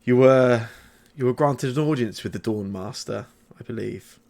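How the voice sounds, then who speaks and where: A man voicing a calm, ancient mother goddess in a tabletop game, with measured and formal phrasing. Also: medium pitch, lightly acted. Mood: measured, knowing. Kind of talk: tabletop role-play.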